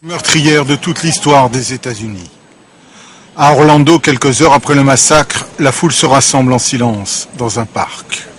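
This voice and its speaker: Homme, reportage télévisé grave. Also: male voice, mid-range voice, moderate pace, slight background noise. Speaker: news reporter. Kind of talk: scripted news narration.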